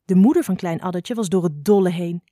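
A woman narrating a children's fable in a calm, even reading voice. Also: on the low side, a little fast, dry recording, clean studio sound. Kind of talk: scripted storybook narration.

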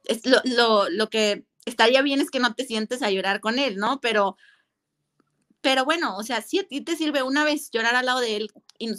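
Woman, slightly high pitch, candid, reflective, halting restarts. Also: a bit bright. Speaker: guest mother. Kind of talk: casual conversational interview.

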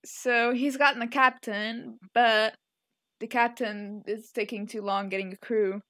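A woman co-hosting a casual podcast chat, opinionated and teasing, with quick asides. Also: on the high side, fairly even intonation, a bit bright.

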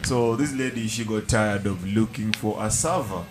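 A man with a fairly low voice chats casually on a podcast, circling back and restarting as he tells a story. Music plays under the talk throughout. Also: normal speed. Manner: rambling storyteller with many restarts. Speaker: podcast co-host. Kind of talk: casual chat.

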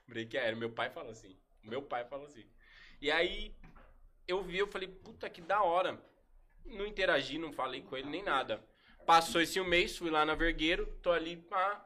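A man tells stories at length in a relaxed, slangy podcast chat. His voice is bright and a little higher than most men's. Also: a little hiss or hum. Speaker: podcast guest, breakdancer. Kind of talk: casual storytelling.

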